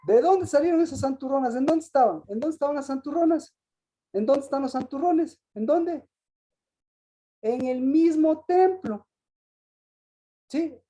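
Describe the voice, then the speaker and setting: A woman giving a Sabbath Bible teaching, often asking her listeners questions, restarting phrases and clearing her throat. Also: fairly high pitch, mellow.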